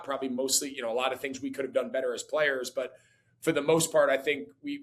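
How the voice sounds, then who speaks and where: A man in his forties, a former player guest, talking casually with lots of fillers and restarts. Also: medium pitch. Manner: relaxed, full of fillers and restarts. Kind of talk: casual conversation.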